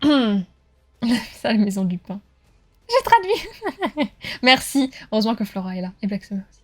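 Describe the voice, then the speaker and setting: A woman streaming from home, chatting with her viewers in a lively, joking way and cheering on a race. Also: mid-range voice, moderate pace. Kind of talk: live-stream chat with viewers while racing.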